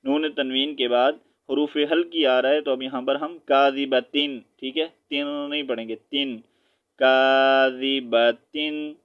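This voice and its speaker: A man teaching Quran recitation, spelling out letters and reciting slowly, then explaining in quick asides with a Pakistani Urdu accent. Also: medium pitch, fairly even intonation, lo-fi sound.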